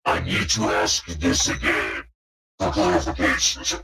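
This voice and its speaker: A deep pitch-shifted masked schemer. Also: male voice, expressive, gravelly, bright, forceful tone, slightly rough, heavily acted. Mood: insistent. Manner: slow, insistent questioning. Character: mysterious male schemer hiding behind a voice changer. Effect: deep pitch-shifted voice changer. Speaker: game master. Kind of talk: tabletop roleplay game.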